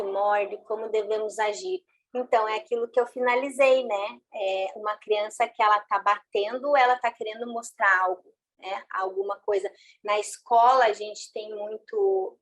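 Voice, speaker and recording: A woman's voice: medium pitch, a bit bright. A woman speaking as a parenting mentor, chatting in a live online talk and answering questions from the chat, with frequent "né?" tags and restarts. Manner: conversational, frequent "né?", many restarts.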